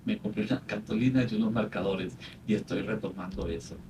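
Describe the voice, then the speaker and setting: A man, a psychologist, calmly explaining anxiety in a podcast conversation. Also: lowish voice, fairly quick. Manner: calm, explanatory, retells patients' words. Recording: faint noise, distant from mic.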